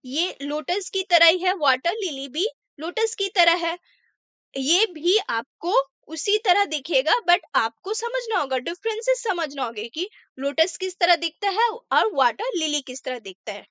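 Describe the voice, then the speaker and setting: A woman teaching English vocabulary in Hindi, repeating words and reading example sentences slowly and carefully. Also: very high-pitched, lively intonation, bright, forceful tone, no echo. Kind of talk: casual Hindi vocabulary lesson.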